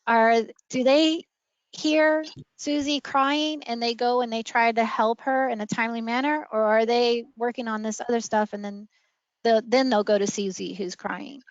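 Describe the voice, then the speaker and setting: Woman trainer, fairly high voice, dry dull lo-fi audio, friendly examples. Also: fairly even intonation, moderate pace, clean tone, dry recording. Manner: friendly, explains with classroom examples. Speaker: early learning trainer. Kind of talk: online training session.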